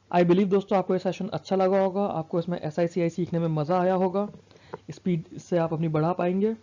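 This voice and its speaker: A man's voice: sits high, mellow, highs cut off. A man teaching an exam math lesson in a mix of Hindi and English, working sums aloud and answering his own questions. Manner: works sums aloud, asks and answers himself.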